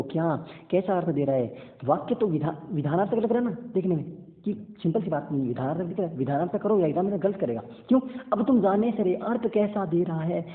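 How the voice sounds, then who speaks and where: Man, grammar teacher, animated and repetitive, fairly high voice, echoey room, phone-like sound. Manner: animated, repeats points and checks understanding. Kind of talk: exam-prep grammar lesson.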